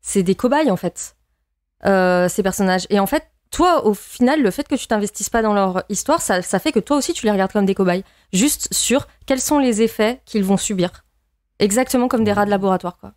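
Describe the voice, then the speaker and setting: A woman's voice: medium pitch, expressive, fairly quick, a little mellow, no room sound. Woman talking films, very dry sound. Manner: analytical, opinionated, searching for words with repetitions. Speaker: panelist in a film discussion. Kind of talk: casual film review discussion.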